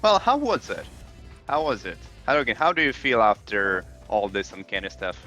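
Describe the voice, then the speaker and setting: A man's voice: fairly low pitch, big pitch swings, moderate pace, sharp tone, faint music behind, low-quality recording. A man from Ukraine commentating a fighting-game tournament with teasing, joking banter. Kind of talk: casual esports commentary.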